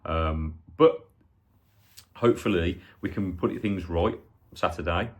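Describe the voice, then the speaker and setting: A man's voice: sits low, takes it slowly. A man in his forties with a Birmingham accent, chatting casually and a little hesitantly to viewers as a football fan vlogger. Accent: Birmingham (Brummie). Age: 40s. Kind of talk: casual chat to viewers, match preview.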